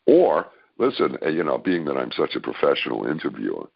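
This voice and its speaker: A man's voice: extremely low pitch, big pitch swings, brisk, gravelly, no echo. A man hosting an interview over a call, joking and playful as he sets things up. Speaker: interviewer, host. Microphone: phone on a conference call. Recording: muffled conference call line.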